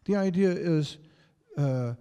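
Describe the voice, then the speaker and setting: An older man giving a calm spiritual lecture in short phrases, pausing for an interpreter. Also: on the high side, clean tone. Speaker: visiting lecturer. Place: festival lecture hall. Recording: long hall reverb.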